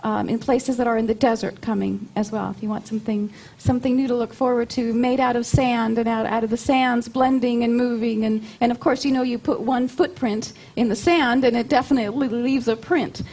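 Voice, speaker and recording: A woman's voice: a little high, fairly even intonation, fairly quick, hardly any pauses, a little mellow, poor audio. A woman being interviewed, explaining things conversationally and often repeating her phrases as she goes. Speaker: interview guest, spiritual channeler.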